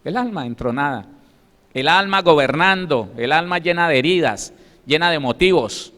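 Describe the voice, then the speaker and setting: A Colombian pastor preaches with emphasis in a Colombian Spanish accent, now and then voicing the people he describes. His voice sits a little high for a man. The sound rings with long reverb from a church hall. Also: expressive, moderate pace, bright, forceful tone. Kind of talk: sermon.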